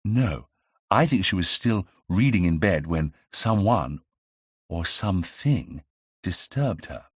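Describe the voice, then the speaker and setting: A man voicing a young 1920s gentleman amateur detective in an audiobook, brisk and self-assured as he theorizes. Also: sits low, very animated, husky, no echo, studio quality, heavily acted. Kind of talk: audiobook character reading.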